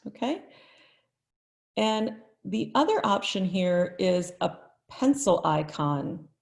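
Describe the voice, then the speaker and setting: A woman, a teacher trainer, giving a live online tutorial in a friendly, chatty way and thinking out loud as she goes. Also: mid-range voice, animated, slow pace, creaky.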